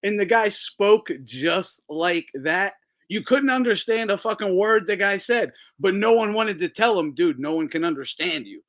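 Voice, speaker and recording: A man hosting a casual boxing talk show, talking in a profane, animated way, laughing often and mimicking people. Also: high voice, moderate pace. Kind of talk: casual chat.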